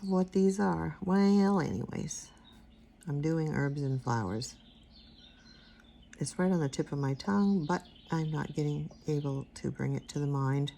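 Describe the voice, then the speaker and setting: Teaching a casual watercolor tutorial, an older woman speaks in a low, gravelly, soft-spoken voice, unhurried and quiet. She rambles and mumbles, trailing off as she focuses. The recording carries a little hiss or hum.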